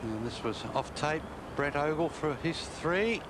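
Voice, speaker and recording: Male golf commentator, slightly high-pitched, reactive to every shot, on a very noisy outdoor broadcast. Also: animated, measured pace. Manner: reacts aloud to each shot, urging the ball on. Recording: noisy outdoor broadcast with loud crowd behind. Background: loud golf crowd and outdoor ambience.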